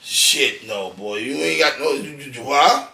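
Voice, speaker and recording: Bright-voiced man, blunt and profane. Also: mid-range voice, lively intonation, a little slow, creaky, distant mic. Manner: blunt, profane storytelling with acted-out quotes. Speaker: podcast guest, DJ. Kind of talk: casual interview chat. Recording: echoey room, off-mic.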